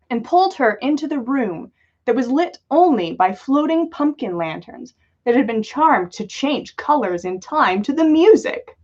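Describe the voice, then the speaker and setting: A woman with a high voice, a podcast host, reads listener fan fiction aloud for a livestream, amused and dramatic, making small slips along the way. The audio has its highs cut off.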